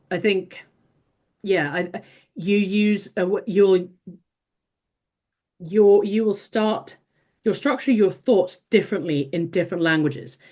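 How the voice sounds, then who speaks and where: A woman's voice: medium pitch, takes it slowly, long pauses, a little mellow, dull audio. A woman in her forties, a native Finnish speaker, talking thoughtfully as an interview guest, with many restarts and fillers. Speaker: guest, behavioral strategy consultant. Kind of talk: casual interview talk.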